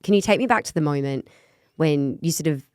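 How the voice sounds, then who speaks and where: Host: Australian woman, somewhat low voice, effusive and friendly, dry close-miked. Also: lively intonation, brisk, no echo. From Perth, Australia. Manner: warm, effusive, asks leading questions. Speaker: podcast host. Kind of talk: casual interview chat.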